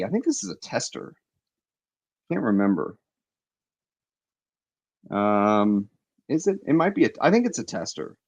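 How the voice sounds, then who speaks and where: A man hosting a casual livestream, chatting with enthusiasm and reading viewer comments aloud on a headset mic. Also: lowish voice. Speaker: fragrance livestream host.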